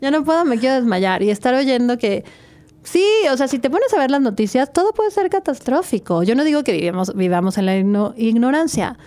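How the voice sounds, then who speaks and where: A woman hosting an interview, lively and chatty, telling personal anecdotes. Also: on the high side, fairly quick. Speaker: podcast host. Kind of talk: conversational interview.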